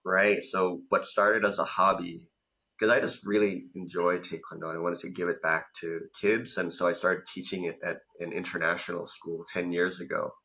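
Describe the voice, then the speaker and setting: Speaking low and flat at a moderate pace, this talkative Thai guest in his thirties sounds bright and forceful as he recounts his path as a business coach and founder, filling his stories with "like." The casual interview happens over a video call from his home, with a studio mic placed in front of him, and the recording is rough.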